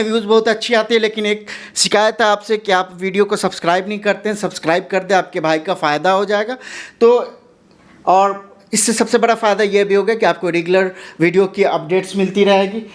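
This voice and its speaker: A man from India hosting an English lesson, explaining patiently and slowly, saying words over and over to contrast their sounds. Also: sits high, fairly even intonation. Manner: slow, patient explaining, repeating words aloud to contrast them. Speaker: English teacher, channel host. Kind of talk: spoken language lesson.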